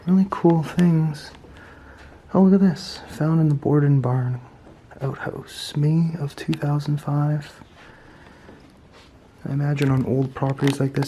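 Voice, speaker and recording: A man giving a casual vlog tour in a hushed, low-key way that often drops toward a whisper, speaking indoors as an investigator and host. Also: a little hiss or hum, low-quality recording. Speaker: paranormal investigation vlogger, host. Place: indoors in an old house.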